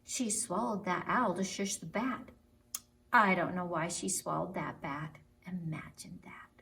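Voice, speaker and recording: A woman telling stories to young children in an animated story-time style. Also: on the low side, a little slow, vocal fry. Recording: roomy, distant mic, faint noise.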